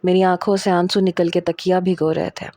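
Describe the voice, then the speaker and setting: A woman's voice: on the low side, flat delivery, dark tone, no echo. A woman narrating a romantic first-person story, reading in a dramatic, emotional way and acting out the dialogue.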